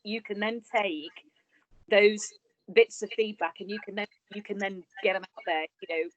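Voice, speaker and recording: A woman's voice: medium pitch, steady tone, normal speed, no room sound, muffled recording. A woman coaches a client over a video call, talking in a chatty, encouraging way. Her advice is practical and she uses plain idioms. The sound is dry. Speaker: business coach.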